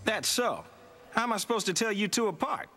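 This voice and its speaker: An actor voicing a brash, wisecracking young secret agent in a cartoon, streetwise and slangy. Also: male voice, sits high, expressive, a little fast, music in the background. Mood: teasing. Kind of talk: animated series voice acting.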